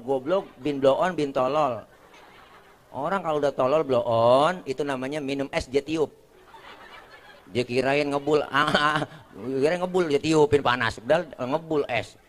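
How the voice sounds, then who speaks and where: A male preacher with a Betawi accent giving a comic sermon, joking and keeping the crowd asking for agreement as he slips into quick put-on voices for his jokes. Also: on the high side.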